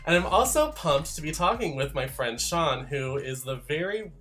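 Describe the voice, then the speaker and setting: A man in his thirties hosting a casual podcast chat from a room at home, campy and animated and quick to laugh. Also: fairly high pitch, faint music behind. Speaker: podcast host.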